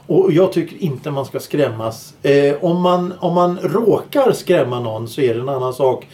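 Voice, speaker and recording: A man's voice: on the high side, expressive, mellow. A man on a podcast panel, talking earnestly with hesitant restarts. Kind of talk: casual podcast chat.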